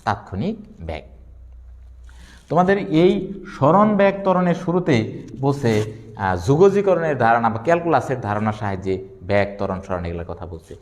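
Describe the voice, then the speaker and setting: A male physics teacher, his pitch rising and falling a lot as he lectures. He poses questions and then answers them, slowing down to repeat key terms. His voice carries a long reverb, as if recorded in an echoey room. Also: big pitch swings, a little mellow. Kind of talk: classroom lecture.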